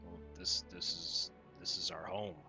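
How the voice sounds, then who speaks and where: A weary village father, voiced by a man, talks in a subdued, hushed murmur during a tabletop role-play. The voice is somewhat low and soft. Quiet music sits faintly underneath. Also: level tone, unhurried. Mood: worried.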